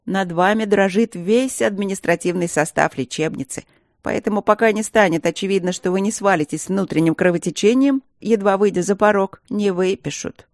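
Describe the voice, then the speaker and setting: A narrator voicing a brisk, scolding middle-aged married nurse in an audiobook. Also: medium pitch, no room sound, clean studio sound, pitched above the performer's own voice, lightly acted. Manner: loud, scolding, matter-of-fact. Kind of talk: audiobook character reading.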